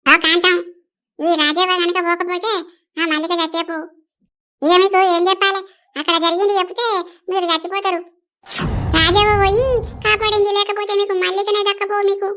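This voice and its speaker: A woman's voice: extremely high pitch, flat delivery, brisk, pauses often, pushed and bright. A woman voicing a feisty old village grandmother in a cartoon, talking in a bossy, boastful way with a Telangana Telugu accent. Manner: bold, boastful, scolding. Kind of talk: animated village comedy dialogue.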